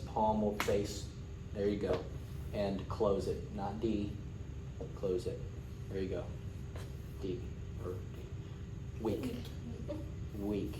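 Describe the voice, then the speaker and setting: Low-voiced man teaching, roomy and distant. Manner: patient, repeats key words, checks understanding. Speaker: sign language class teacher. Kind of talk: informal classroom instruction. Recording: roomy, distant mic with clear background noise.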